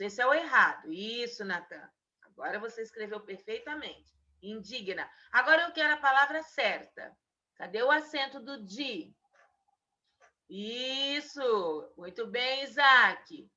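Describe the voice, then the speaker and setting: A woman teacher giving a remote spelling lesson to children on a video call, slowly stretching out each word she dictates. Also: on the high side, sharp tone. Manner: patient, drawn-out dictation of single words. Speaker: primary school teacher. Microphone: video call mic. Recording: dull lo-fi video call audio.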